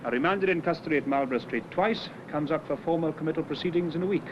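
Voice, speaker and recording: Man as a higher-pitched, deferential police subordinate. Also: quick pace, close to an everyday voice. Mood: respectful, informative. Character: deferential, good-humoured Welsh police subordinate. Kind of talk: 1970s British television drama dialogue. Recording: muffled, noisy 1970s television location sound.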